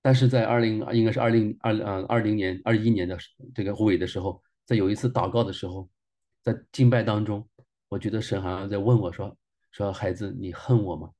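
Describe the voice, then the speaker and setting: A man's voice: fairly low pitch, fairly even intonation, a little fast, mellow. A man in his forties, a minister, sharing a personal testimony sermon in an earnest way and repeating phrases for emphasis.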